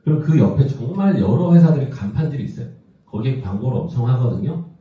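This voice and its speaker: Here a company executive from South Korea, about fifty, talks business conversationally before an audience in a large indoor venue, repeatedly asking them rhetorical questions. His pitch is medium, his intonation lively, his pace quick. Sound is muffled and echoing, the mic well away from him.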